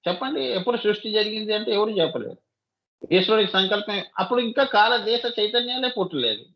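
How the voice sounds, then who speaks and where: Guru man giving a spiritual talk, high voice, keeps asking listeners questions, bit dull lo-fi sound. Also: lively intonation, fast talker. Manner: asks listeners rhetorical questions, addresses them as child. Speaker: spiritual teacher. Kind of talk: devotional discourse.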